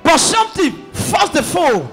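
A man preaching in a very high, bright voice, shouting emphatic lines to a responding congregation. Music runs under his voice. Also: huge pitch swings, measured pace, creaky. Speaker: pastor. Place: church hall with congregation. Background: music and loud congregation.

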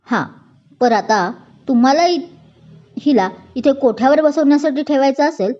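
Brief: heartless older female brothel keeper, mocking, read by a woman narrator, mellow tone, dull recording. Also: high-pitched, animated, moderate pace, pitched above the performer's own voice. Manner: cold, mocking.

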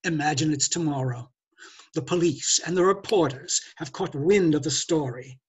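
An older man playing a glib, haughty gentleman thief in a stage play read over a video call, lecturing with theatrical condescension. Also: fairly high pitch, normal speed, a little hiss or hum, natural voice. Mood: smooth condescension. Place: indoors, curtained room.

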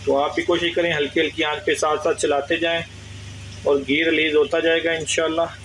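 A bright, clear man's voice. He speaks on a fairly steady, level pitch and guides viewers through a home cooking recipe in a friendly way. A faint hum sits under his voice. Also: brisk, poor audio. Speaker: cooking channel host. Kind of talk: cooking tutorial. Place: home kitchen.

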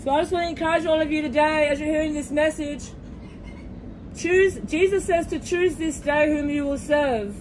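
Woman preaching loud on a train, high voice, phone recording with lots of train rumble. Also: fairly even intonation, moderate pace, rough recording. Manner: fervent, repeated hallelujahs and direct appeals. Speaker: street preacher. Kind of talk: preaching aloud to train passengers. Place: inside a moving commuter train. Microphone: phone camera held by the preacher.

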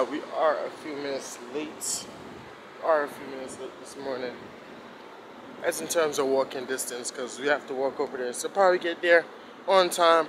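A man's voice: on the high side, noisy background. A young man, a college student, talking casually into his phone while walking outdoors on campus. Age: young adult. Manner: relaxed, loose and conversational.

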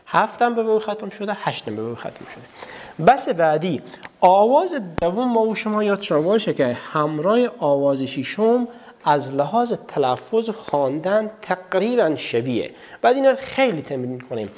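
In a large hall, a man with an Afghan Dari accent teaches a televised literacy lesson in a high, slightly mellow voice with big pitch swings. Addressing his students directly, he asks questions and answers them himself, drawing out vowel sounds in repeated drills.

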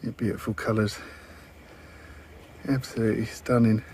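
Relaxed man vlogging casually. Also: fairly low pitch, moderate pace, a little hiss or hum. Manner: relaxed, hesitant with fillers. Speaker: fishing vlogger. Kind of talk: casual vlog narration. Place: inside a parked car, then outdoors on seaside rocks.

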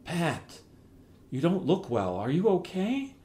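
A man's voice: on the high side, big pitch swings, brisk, darkish tone, pitched above the performer's own voice. A man putting on a fretful worried mother. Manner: pleading, fretful questions. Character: worried older mother, anxious and caring.

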